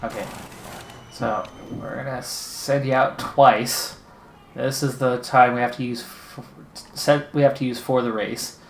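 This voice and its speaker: A man's voice: medium pitch, steady tone, measured pace, vocal fry, a little hiss or hum. Roomy-sounding man narrating his game. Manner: anxious, pleading running commentary. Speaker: gaming channel host. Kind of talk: let's-play commentary.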